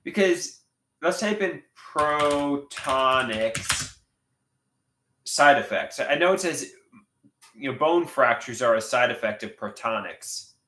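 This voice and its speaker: In an echoey room, a livestream host in his late thirties chats casually and reads viewer comments aloud, his nose stuffed up. His mid-range voice is bright and forceful, with lively intonation and a slow delivery. He halts often, repeating words and restarting sentences.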